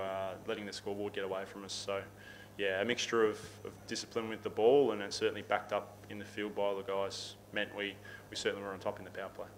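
A man in his thirties with an Australian accent, answering questions at a post-match press conference, steady and repeating words as he thinks. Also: fairly low pitch, a little hiss or hum, poor audio. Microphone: table microphone.

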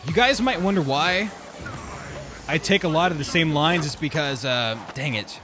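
A man giving casual gameplay commentary, excitable and slangy, talking straight to his viewers as bro and dude. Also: on the high side, normal speed, music in the background. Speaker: gaming YouTuber.

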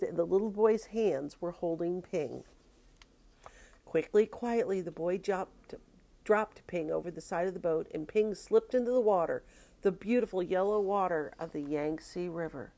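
An older woman, a grandmother, reading a picture book aloud with expressive, drawn-out storytelling. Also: fairly low pitch, creaky.

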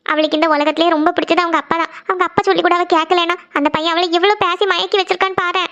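Someone doing a worried, squeaky cartoon mother. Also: level tone, pushed and bright, lo-fi sound, heavily acted. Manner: slow, anxious, sorrowful talk. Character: worried tearful mother, a woman's elder sister. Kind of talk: Tamil cartoon series dialogue.

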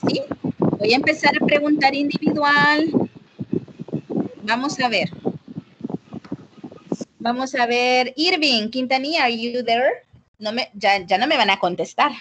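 A woman's voice: high-pitched, unhurried, pauses often, very noisy. A woman with a Salvadoran Spanish accent teaching an English class over a video call, switching between Spanish and English and questioning students. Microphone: computer mic on a video call.

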